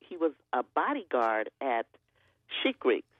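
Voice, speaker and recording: Older woman guest, husky storyteller, dull lo-fi line. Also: extremely low pitch, measured pace. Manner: storytelling, animated quoting.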